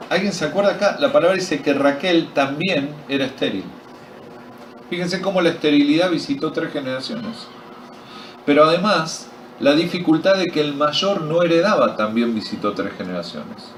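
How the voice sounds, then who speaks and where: A man with an Argentine accent preaches to a retreat crowd, tossing them questions and dropping jokes into the story. His voice sits a bit high for a man. He is recorded from a distance in an echoey hall, with faint ambience behind him. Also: moderate pace, slight background noise. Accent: Argentine Spanish. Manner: quizzes the audience, joking and animated. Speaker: pastor. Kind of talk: sermon at a men's retreat.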